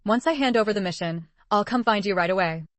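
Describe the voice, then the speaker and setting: A woman's voice: mid-range voice, quick pace, no echo, natural voice. A woman reading as a cool, reserved young man. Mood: matter-of-fact. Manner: cool, matter-of-fact. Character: calm, reserved young male researcher.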